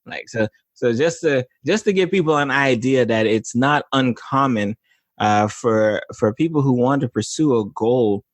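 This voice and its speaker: A man at a middle pitch hosts a casual interview and talks in loose, rambling runs full of restarts and fillers. The sound is dry and close, with no room around it. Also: no room sound. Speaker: podcast host, physician.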